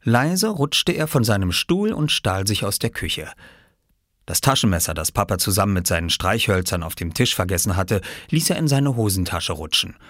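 A man narrating an audiobook in an expressive storytelling manner. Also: on the low side, moderate pace, hardly any pauses, no room sound, studio quality.

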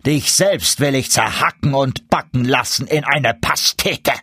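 A man voicing a proud, furious duke in a fairy-tale reading, shouting threats in a raised, strained voice. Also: mid-range voice, very animated, very slow, breathy edge, no room sound, clean studio sound, heavily acted. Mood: raging.

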